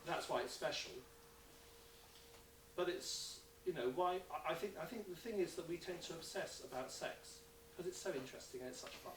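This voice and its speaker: A man's voice: on the high side, moderate pace. Man, panel speaker, thoughtful, echoey hall, distant, noisy. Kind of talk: panel discussion. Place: university lecture hall. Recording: echoey hall, distant mic, noticeable noise.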